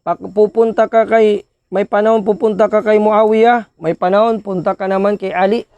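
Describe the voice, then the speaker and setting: A man delivering an Islamic sermon in a fairly high voice. He slips between languages and calls out listeners by name, and the sound is close and dry, with no room echo. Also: steady tone, normal speed, a little mellow, clean tone. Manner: mixes Tagalog with Bisaya and Arabic phrases, teasing audience members by name. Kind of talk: Islamic lecture.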